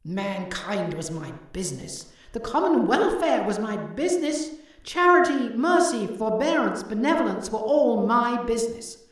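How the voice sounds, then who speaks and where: A woman's voice: fairly high pitch, big pitch swings, measured pace. A woman voicing the ghost of a dead businessman, solemn and declaiming. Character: ghost of a dead old businessman, grave and mournful. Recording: heavy echo, distant from the mic.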